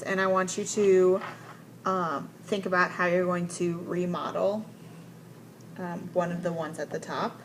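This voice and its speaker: A woman with a fairly low voice, coaching a teacher face to face. She is direct and businesslike, breaks a lesson into steps, and affirms often while she guides the talk. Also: background noise. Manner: directive, affirming with frequent "mm-hmm" and "like". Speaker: instructional coach. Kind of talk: one-on-one teacher coaching conversation.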